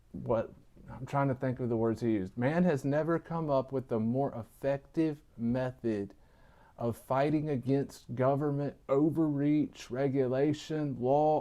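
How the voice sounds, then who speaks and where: Male commentator, lisping, slow and mellow, informal but emphatic delivery. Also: medium pitch. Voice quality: lisp. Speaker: political video commentator. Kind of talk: informal political commentary to viewers.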